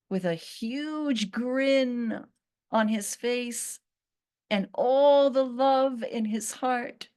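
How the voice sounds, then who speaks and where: A woman channeling a once-cursed fig tree spirit, speaking in a slow, earnest storytelling manner with long pauses. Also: fairly high pitch, a little mellow, pitched above the performer's own voice.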